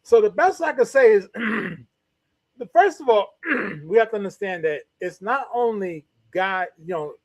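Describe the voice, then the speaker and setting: A man's voice: sits high, lively intonation, unhurried, dry recording. A man from New York co-hosting a casual talk show, speaking in a laid-back, wry, thoughtful way. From New York, USA.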